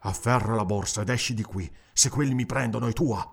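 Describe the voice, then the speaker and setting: A male audiobook narrator voicing a brash, boastful young barbarian warrior who talks boldly and defiantly, a little higher than his own voice. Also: expressive, fairly quick, natural voice. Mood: urgent.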